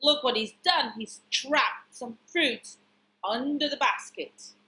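A woman's voice: high voice, slow pace, pushed and bright, rough recording. A woman reading a picture book aloud to children, pointing out the pictures and asking them questions.

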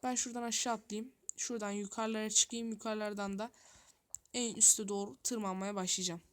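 A woman's voice: medium pitch, steady tone, brisk. A woman giving running gameplay commentary, thinking aloud, talking straight to her viewers and muttering to herself in a flustered way. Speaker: gaming youtuber.

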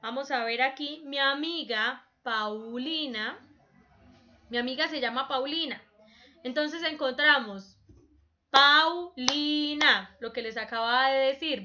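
A woman's voice: high voice, moderate pace, sharp tone, muffled recording. A woman teaching a children's class, patiently explaining examples and prompting the pupils with questions. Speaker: primary school teacher.

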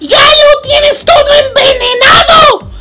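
Woman as a little toad boy, shrill, tearful, shouting, very high-pitched. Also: measured pace, faint music behind, exaggerated voice. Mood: frantic pleading. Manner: shrill, shouting, near tears. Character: small young male toad, frantic and pleading.

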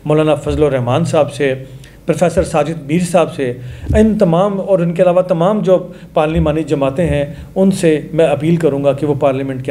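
A man's voice: fairly high pitch, warm tone. A man in his forties with a Pakistani Urdu accent, giving earnest news commentary to camera in a studio, making appeals.

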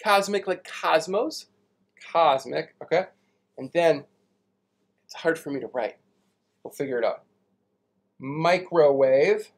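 A man's voice: fairly high pitch, slow pace, long pauses. Chatty man teaching kids about space. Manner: chatty, playful, explains simply with everyday examples. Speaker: science teacher. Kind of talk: live online kids' lesson at a whiteboard.

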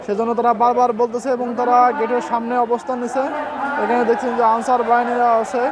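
High-voiced male street reporter. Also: fast, very noisy. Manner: steady commentary with fillers, pointing viewers to the scene. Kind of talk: live on-the-spot news report. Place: outdoors at a protest in light rain. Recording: street recording with loud crowd. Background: crowd chanting slogans.

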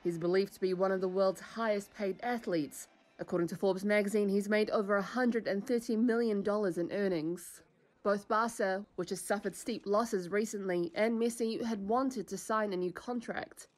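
A woman's voice: medium pitch, steady tone, moderate pace, darkish tone. A woman reporter reading a scripted news voice-over.

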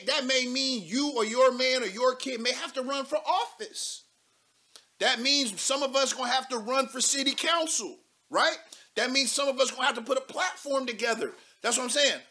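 A man in his thirties hosting a live political call-in show from a studio desk, talking loud and animated with casual slang and cursing. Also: very high-pitched, moderate pace. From United States. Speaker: talk show host.

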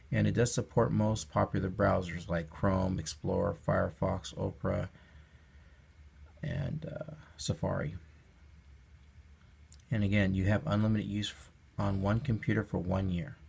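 A man presents a casual budget product review in a fairly low voice. There is heavy gravelly fry in it, and the tone is very husky rather than clean. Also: a little mellow.

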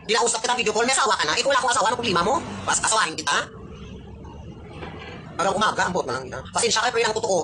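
A woman ranting angrily at celebrities, sarcastic and scolding. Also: medium pitch. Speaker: netizen ranting on video. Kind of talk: angry rant. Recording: noisy background.

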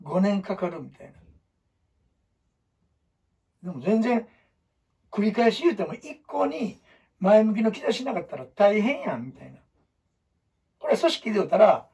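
A man with a Kansai accent, lecturing students on storytelling in an emphatic way, jumping between loud bursts and low asides. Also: very animated, a little slow, pauses often, slightly rough, distant mic. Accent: Kansai (Osaka). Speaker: storytelling teacher.

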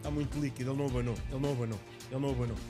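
A young man with a European Portuguese accent, excitedly commenting on a clip he is reacting to, swearing and laughing. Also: mid-range voice, rapid-fire, music in the background.

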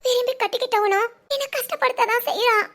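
A woman's voice: very high-pitched, fast talker, fairly bright tone. Timid apologetic cartoon daughter, voiced by a woman. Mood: meek. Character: meek young pregnant daughter, submissive. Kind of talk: cartoon family drama voice acting.

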